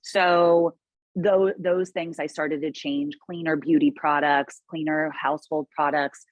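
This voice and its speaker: A woman's voice: low-pitched, steady tone, measured pace, no room sound. A woman guest in a casual interview, speaking earnestly and reflectively with frequent restarts.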